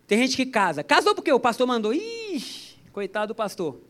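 A man's voice: very high voice, sing-song, fast, fairly bright tone. A man preaching a sermon to a church service, chatty and joking, with stories woven in. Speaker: pastor.

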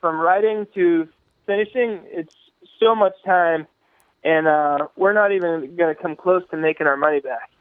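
A man's voice: a little high, normal speed, smooth, no room sound. A man calling in by phone to a casual podcast chat, his voice muffled as if through a wall, talking earnestly with many restarts. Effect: muffled phone line, as if heard through a wall. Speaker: guest filmmaker calling in. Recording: tinny muffled phone line, dry.

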